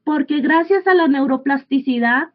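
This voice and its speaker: A woman's voice: high voice, normal speed. A woman preaching a sermon in an earnest teaching manner, often restarting sentences and asking rhetorical questions. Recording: tinny phone-like sound.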